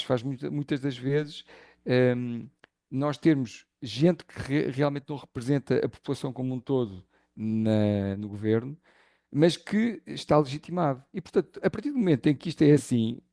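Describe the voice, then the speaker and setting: Gravelly-voiced Portuguese man, dark tone. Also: mid-range voice, fairly quick, no echo. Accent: Lisbon Portuguese. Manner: thoughtful, searching for words with many fillers. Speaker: interview guest. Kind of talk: reflective conversational interview.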